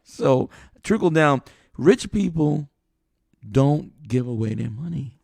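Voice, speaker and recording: Gravelly, laughing male podcast co-host. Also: a little high, takes it slowly, dry recording, studio quality. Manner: animated, laughs often, thinks aloud with restarts. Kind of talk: casual opinionated chat.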